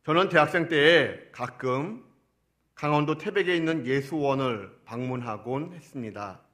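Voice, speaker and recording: A middle-aged man delivers a sermon with a somewhat high voice. He builds his phrases up to emphatic peaks and then lets them sink to a quiet close, asking the listeners rhetorical questions along the way. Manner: rising and falling preaching cadence with rhetorical questions. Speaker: pastor.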